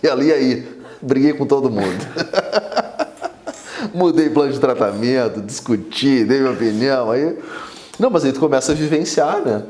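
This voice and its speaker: A man with a lilt tells stories as an interview guest, his voice dark and mellow. He keeps dropping little tags like "né" and "cara" as he talks. The room gives his voice a noticeable echo. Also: mid-range voice, brisk. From Brazil. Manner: animated storyteller, many fillers like 'né' and 'cara'. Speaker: oral surgeon guest. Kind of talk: casual interview chat. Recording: roomy echo.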